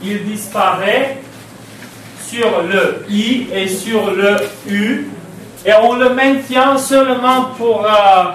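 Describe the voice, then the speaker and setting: A male French teacher with a Romanian accent giving a lesson on spelling rules, in a slow, halting way with many hesitations, spelling out letters and repeating words. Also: high-pitched, fairly bright tone, slight background noise. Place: classroom. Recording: very echoey classroom, voice from far off.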